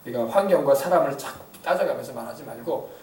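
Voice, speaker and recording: A male pastor preaching a lively sermon, drawing responses from the congregation and acting out what people say. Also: medium pitch, fast, a little hiss or hum. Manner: animated preaching with call-and-response and acted-out quotes. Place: church sanctuary. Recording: echoey church hall from a distant mic.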